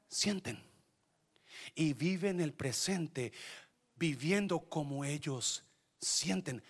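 A man, preaching a sermon as pastor, swinging from quiet asides to shouted climaxes and dropping in English phrases. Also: medium pitch, breathy edge.

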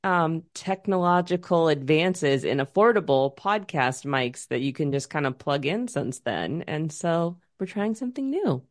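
Low-voiced chatty woman podcast co-host. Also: lively intonation, measured pace, hardly any pauses. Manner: chatty, rambling with restarts. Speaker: music teacher at a university. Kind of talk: casual chat.

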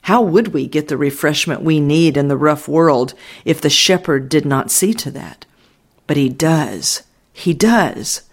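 A man reading an audiobook voices a devout older male shepherd who tells of his flock in a mellow, earnest way. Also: fairly high pitch, lively intonation, a little slow. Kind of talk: audiobook narration.

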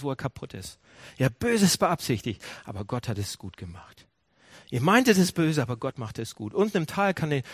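Animated preaching man, lively voice. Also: a little high, no room sound, studio quality. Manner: animated preaching, asks the audience questions; restarts and self-corrections. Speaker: pastor. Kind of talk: sermon to a congregation.

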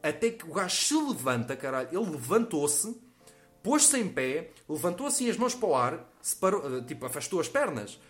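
A 21-year-old comedian with a Lisbon-area European Portuguese accent tells a comic anecdote in slangy speech, swearing a lot and acting out quotes. His voice is fairly high, sing-song, and brisk, with faint music behind him.

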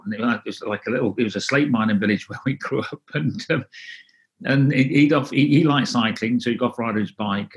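A middle-aged North Wales man whose first language is Welsh answers interview questions as a guest, his medium-pitched speech halting and casual with many restarts.

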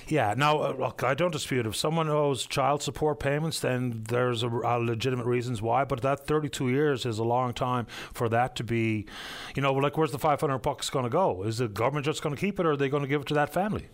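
A man hosts a call-in show in a smooth radio-host manner, easygoing and courteous with each caller. He talks into a headset microphone. His voice is starting to give out and turn hoarse. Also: medium pitch, fairly quick. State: voice going hoarse.

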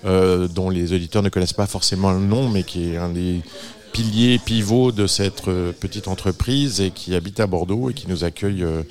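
A man chatting casually on a radio show, halting, with many fillers. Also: sits low, a little mellow. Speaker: radio station regular.

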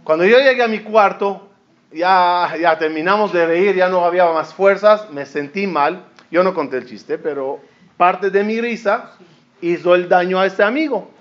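High-voiced man preaching a story sermon. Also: normal speed, a bit bright. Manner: storytelling, acts out quoted voices. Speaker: rabbi. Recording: dull lo-fi recording.

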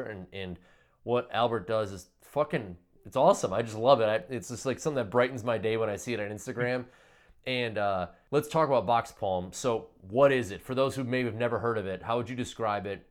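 A man with a Wisconsin accent hosting a casual podcast interview, chatting informally and swearing freely. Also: lowish voice. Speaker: podcast host. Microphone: online video call.

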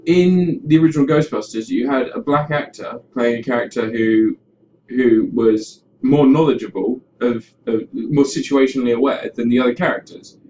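A man's voice: medium pitch, moderate pace, darkish tone, slight background noise. A man co-hosting a podcast, chatting casually and ranting with opinions, swearing freely. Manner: ranting, sweary, mimics others in mock quotes. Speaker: podcast host. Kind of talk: casual opinionated film chat. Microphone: webcam about five feet away. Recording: dull webcam mic from distance.

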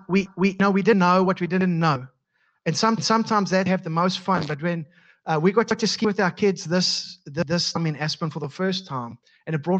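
South African male pastor, high-pitched, stumbling repetitions in his preaching, muffled recording. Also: fairly bright tone. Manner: halting, repeats words often. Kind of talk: sermon. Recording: dull lo-fi sound.

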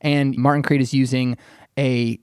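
A man on a podcast panel, an arts writer, works his thoughts out aloud in casual discussion, full of hedges like "kind of," halting starts and self-corrections. His medium-pitched voice is smooth, with little pitch movement. The recording is studio quality with no room sound.

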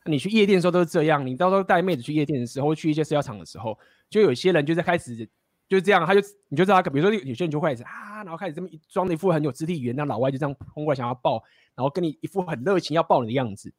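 A man's voice: fairly high pitch, animated, very fast, no room sound, studio quality. A man, casually telling stories and giving blunt, profane dating advice. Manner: blunt, profane, laughing often.

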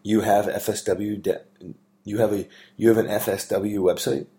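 A man's voice: fairly low pitch, level tone, moderate pace, noisy background. A man hosting a casual podcast as a father, teasing and easygoing, with frequent ums and restarts. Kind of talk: casual chat.

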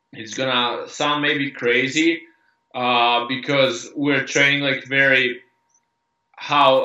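A man's voice: mid-range voice, sharp tone. A man in his thirties with a Serbian accent, an MMA fighter answering interview questions with many restarts and fillers. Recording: roomy, dull lo-fi sound.

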